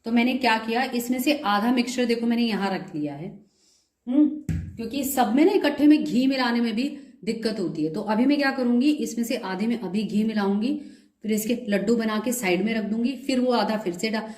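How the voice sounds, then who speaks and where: A woman's voice: on the high side, brisk, darkish tone. A woman with a slightly sore throat, explaining a home recipe step by step in a chatty, friendly tutorial. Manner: chatty, explains step by step, mixes in English words. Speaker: cooking video host. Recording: echoey room.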